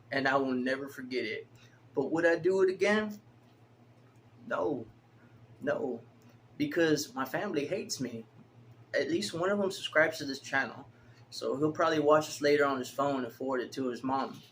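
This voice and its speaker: A man's voice: mid-range voice, slight background noise. A man in his early forties rambling casually to the camera, swearing freely and laughing through his stories. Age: 40s. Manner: profane, laughs often, animated storytelling. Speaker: vlogger.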